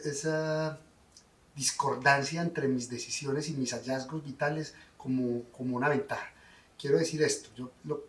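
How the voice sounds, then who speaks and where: A man's voice: mid-range voice, far from the mic. Wry middle-aged man, roomy sound. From Colombia. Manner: wry, self-deprecating storyteller with restarts. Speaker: guest songwriter. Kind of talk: reflective interview answers.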